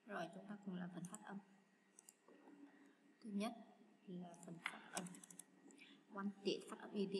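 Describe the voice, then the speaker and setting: A woman teaching English to schoolchildren, patiently walking through exam answers and talking to students in a chatty way. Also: fairly low pitch. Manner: patient, chatty, addresses students as "các bạn". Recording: echoey room with loud background noise.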